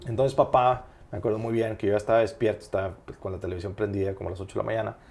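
A middle-aged man, a surgeon guest telling childhood stories in a relaxed, rambling way with many fillers. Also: lowish voice, very fast. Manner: rambling storyteller with frequent fillers. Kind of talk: casual podcast interview.

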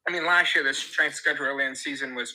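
A man giving casual sports analysis as a podcast guest, halting and repeating words as he thinks. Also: medium pitch, steady tone, bright, forceful tone, poor audio.

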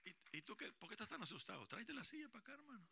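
A man preaching as a pastor at a church service, animated and calling on the children and congregation to repeat after him. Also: high-pitched, racing, creaky, noisy background. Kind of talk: lively bilingual sermon to a congregation.

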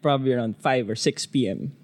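A man's voice: medium pitch, fast, a little mellow. A man, a footballer guest, explaining things in an easygoing way. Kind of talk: casual interview chat.

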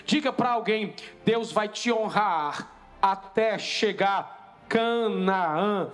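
A man preaching a sermon as pastor, in a repetitive preaching cadence that rises to shouts. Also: high-pitched, drawn-out words. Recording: faint music behind the voice.

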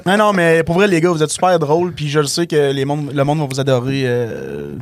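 A man's voice: on the high side, lively intonation, brisk, noisy background. A man hosting a casual podcast, teasing his guests and laughing easily. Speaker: podcast host.

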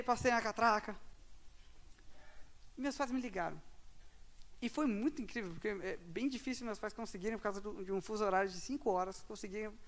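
A man telling a personal story to an audience, animated and swinging between loud bursts and quiet asides. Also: very high-pitched. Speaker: speaker at a talk.

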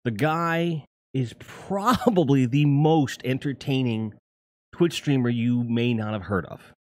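A man's voice: medium pitch, slow, a little mellow, dry recording. A middle-aged man hosting his own livestream in a casual chat. He talks to viewers in a profane, rambling way and corrects himself often. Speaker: livestream host.

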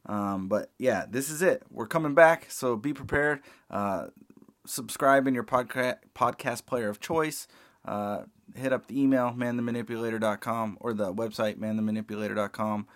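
A middle-aged man hosting a casual podcast, relaxed and rambling with plenty of fillers, into a close mic. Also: medium pitch, normal speed, dry recording. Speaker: podcast host.

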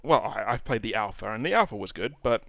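A man's voice: fairly low pitch, fast, vocal fry, highs cut off, over a noisy crowd. A man hosting a casual gaming chat, acting out quotes and swearing freely. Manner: animated, swearing, acts out quotes.

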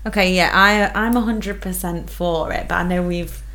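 Northern English woman, low and chatty. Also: fairly even intonation, normal speed, fairly bright tone. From Northern England. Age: 20s. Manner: chatty and self-mocking. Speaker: guest. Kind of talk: casual chat.

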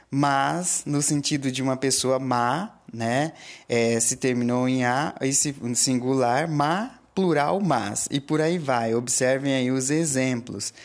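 A teacher with a Brazilian Portuguese accent gives a recorded grammar lesson, explaining patiently and often checking in with the students. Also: medium pitch.

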